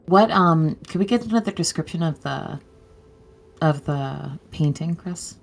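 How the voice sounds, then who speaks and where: Female game player, deep creaky voice, unhurried casual talk, faint noise. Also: expressive. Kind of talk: casual chat.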